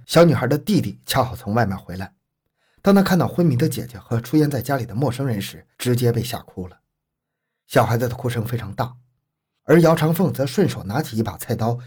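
A man tells a true-crime story as a scripted narration, measured and grave. His voice sits at an ordinary middle pitch with a husky, slightly rough edge. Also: darkish tone.

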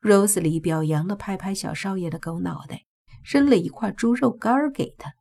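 A woman giving a steady, scripted audiobook narration. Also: on the low side, creaky.

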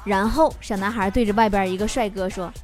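A woman's voice: medium pitch, fairly even intonation, a little fast, over loud music. A woman hosting a comic storytelling show, teasing her listeners and laughing at her own jokes. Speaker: host.

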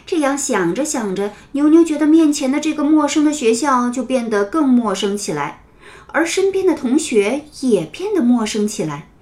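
A woman narrating a children's story in a gentle, expressive storytelling manner. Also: sits high, normal speed.

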